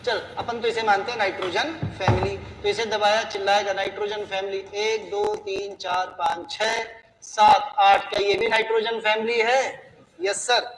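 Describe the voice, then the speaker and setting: A man with a high voice teaches a chemistry lesson in a classroom that rings with long reverb. He keeps it playful and keeps asking his students questions. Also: little pitch movement, normal speed, noisy background. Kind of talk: classroom lecture.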